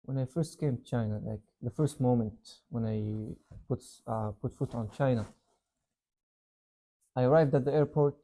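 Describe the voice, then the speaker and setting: A man's voice: medium pitch, moderate pace. A young man from Yemen, raised in Saudi Arabia, chatting casually as an interview guest, full of "like" and "you know.". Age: young adult. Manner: relaxed, rambling, many "like" and "you know" fillers. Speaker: interview guest, university student.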